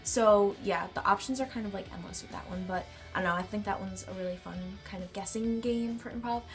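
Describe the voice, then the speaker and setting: A teenage girl vlogger answers a tag in a casual chat from her bedroom, her voice nasal and congested from a cold but still bubbly. She speaks in a mid-range voice at a fairly quick clip, with soft music playing behind her.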